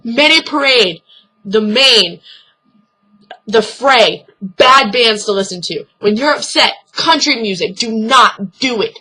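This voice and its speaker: Blunt, bright-voiced young woman vlogger. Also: fairly high pitch, animated, slow, husky, poor audio. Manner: blunt and earnest, swears freely. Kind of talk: casual advice vlog.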